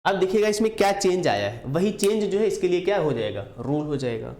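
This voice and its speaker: A man's voice: high voice, sing-song, brisk, darkish tone. Echoey male grammar teacher. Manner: repeats key answers as call-and-response questions. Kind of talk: classroom grammar lecture.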